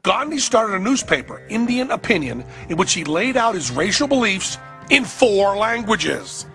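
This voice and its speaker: Snarky american host, high voice swinging all over, profane and sarcastic. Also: male voice, big pitch swings, normal speed, bright, forceful tone, soft background music. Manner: sarcastic, profane, mock-outraged. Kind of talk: comedic documentary narration.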